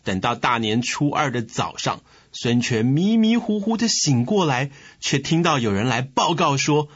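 A man narrating a comic historical tale in crosstalk style, animated and playful. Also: medium pitch, normal speed, slightly rough, lo-fi sound. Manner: animated, playful, laughing between lines. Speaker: comic storyteller.

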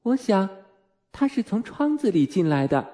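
Male reader doing a carefree little girl, raised pitch, breezy and matter-of-fact, storybook. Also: sing-song, normal speed, warm tone. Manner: light, unconcerned tone.

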